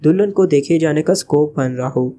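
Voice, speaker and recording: A man's voice: fairly high pitch, a little fast, mellow, a little hiss or hum, close to an everyday voice. A man reading the part of a sly, joking male spy leader in a teasing, evasive way.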